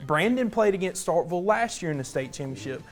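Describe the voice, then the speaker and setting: A man's voice: high voice, lively intonation, fairly quick. A young man, anchoring sports on a student newscast in an upbeat, chatty way. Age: young adult. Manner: chatty, upbeat, casual fillers.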